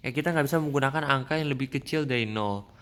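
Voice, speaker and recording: A man's voice: medium pitch, a bit bright. A young man walking through a statistics exam problem in a casual screen-recorded tutorial, often restarting and correcting himself. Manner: halting, many restarts and fillers, informal. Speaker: student explaining a math problem.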